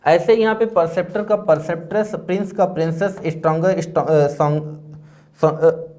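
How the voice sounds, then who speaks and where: A man's voice: on the high side, fairly even intonation, normal speed, darkish tone. A male teacher giving a patient exam-prep grammar lesson and often checking understanding. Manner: explains patiently, often checks with "theek hai".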